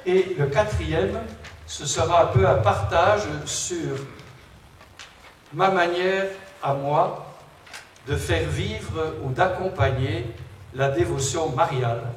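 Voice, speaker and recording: A man's voice: on the high side, takes it slowly. A man giving a religious lecture as a priest, explaining things with conversational asides to his listeners, in a large, echoing space. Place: large reverberant indoor space. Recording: echoey hall, distant mic, background noise.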